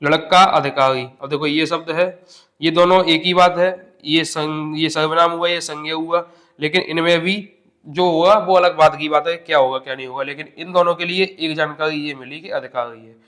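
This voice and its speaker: A man's voice: a little high, fairly even intonation, moderate pace, fairly bright tone. A man teaching an exam-prep grammar lesson step by step, asking questions and answering them himself.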